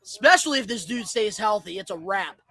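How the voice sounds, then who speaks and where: A high-pitched, bright-voiced man reacts live, excitable and prone to yelling and swearing. His voice is recorded close and dry. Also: a little fast, no echo. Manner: excitable, shouts and swears in bursts of joy. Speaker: streamer reacting to a sports draft.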